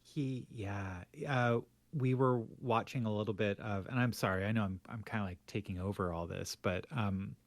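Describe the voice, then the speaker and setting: A middle-aged man with a fairly low voice rambles through stories on a podcast, stopping and restarting his sentences and laughing as he goes. The sound is dry and close, with no room around it. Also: steady tone, moderate pace, hardly any pauses, dry recording. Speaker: podcast co-host. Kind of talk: casual chat.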